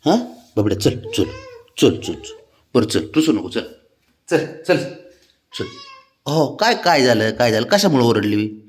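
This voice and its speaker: A man's voice: big pitch swings, a little slow, pauses often. Man coaxing his cat in baby talk. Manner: soothing and pleading, swooping up high on questions. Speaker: cat owner talking to his pet.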